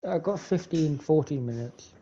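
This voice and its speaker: A man's voice: on the high side, moderate pace, mellow, lo-fi sound, a little hiss or hum. A young man co-hosting a gaming video with casual banter. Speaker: gaming co-host.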